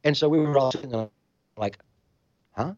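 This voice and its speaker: A man telling a story in casual conversation, animated and acting out other people's voices, in a slightly muffled recording. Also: mid-range voice, fast, no echo. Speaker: storytelling guest musician.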